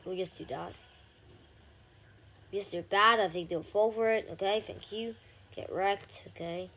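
A woman giving casual gameplay commentary, chatty with frequent ums and sudden excited shouts. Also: medium pitch, unhurried, breathy edge. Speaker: gaming channel host.

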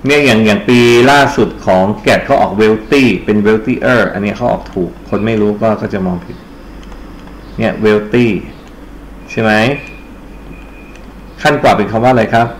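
A man's voice: lowish voice, a little slow, pauses often, echoey room, a little hiss or hum. A Thai man tutoring English grammar for exams in a Thai accent, explaining step by step and quizzing the class. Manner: explains step by step, asks the class questions and answers them himself. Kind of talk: exam-prep lecture.

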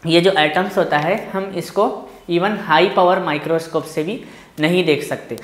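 A physics teacher with an Indian English accent, fairly high-pitched and steady in tone, reads a textbook passage slowly before launching into a fast Hindi-English explanation. The classroom, which has a board, gives the recording a roomy sound.

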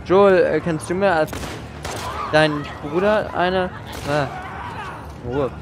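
A man's voice: on the high side, slow, noisy background. Sarcastic man playing a game. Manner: sarcastic self-talk while playing. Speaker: let's play streamer. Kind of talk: gaming commentary. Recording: voice over game sounds.

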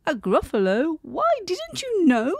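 A woman voicing a small, clever, boastful mouse in a high, emphatic voice. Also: huge pitch swings, unhurried, darkish tone, no room sound, studio quality, exaggerated voice.

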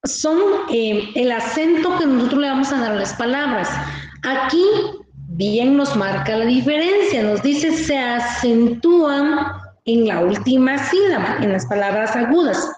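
A woman teaches over a video call, taking her time and checking in with her pupils. Her voice sits a little high. The sound is very roomy, with faint noise behind it. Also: animated, a little mellow. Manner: slow, explaining, asks pupils questions. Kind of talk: online class teaching. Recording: very echoey room with faint noise.

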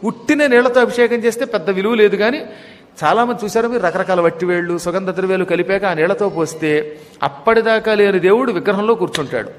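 Man, devotional discourse, teacherly, high-pitched, long hall echo. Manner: chants Sanskrit verses slowly, then explains; teacherly, addresses listeners directly. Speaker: religious discourse speaker.

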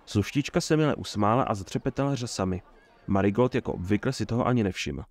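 A man reading an audiobook in a steady storytelling way. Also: lowish voice. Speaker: audiobook narrator. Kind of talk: scripted narration.

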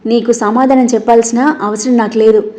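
[name], a woman reading as a calm, firm young wife. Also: a little high, brisk, lightly acted. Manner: steady, firm.

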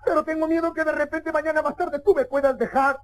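A man's voice: extremely high pitch, little pitch movement, quick pace, very noisy, voice pushed up. A Peruvian street comic voicing a young woman in love, sweet, coaxing and dramatic, with a Peruvian accent. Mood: pleading. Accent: Peruvian Spanish.

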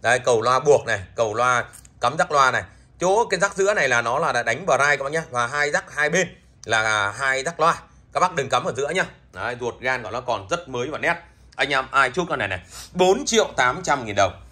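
A man with a husky voice giving an off-the-cuff, pushy hard-sell product pitch, repeating himself with emphatic claims. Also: animated, brisk, bright, forceful tone. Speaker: online seller of used audio amplifiers. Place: indoors, beside the goods on a patterned cloth.

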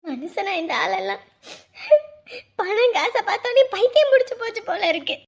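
A woman's voice: very high-pitched, expressive, moderate pace, vocal fry, heavily acted. A woman playing a tearful, scolding mother. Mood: distressed. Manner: pleading and scolding, voice breaking into tears. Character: distraught mother scolding her husband. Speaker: mother of a grown son. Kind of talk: Tamil family web drama acting.

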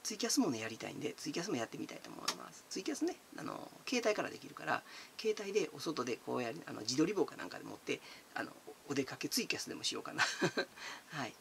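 A chatty man, answering viewer comments in a relaxed, giggly way. His voice sits fairly high and swings up and down a lot. There is a gravelly edge to it. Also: fast, slight background noise. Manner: chatty and giggly, calls himself by nickname. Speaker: channel host.

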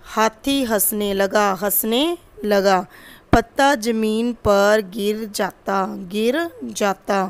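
A woman teacher walks her young students through workbook answers in an unhurried, explanatory way. Her voice is clear and smooth, and it sounds close and dry with no room around it. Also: medium pitch, dry recording. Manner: slow and explanatory, addressing students as "beta". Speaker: primary school teacher. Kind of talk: recorded class lesson going through workbook answers.

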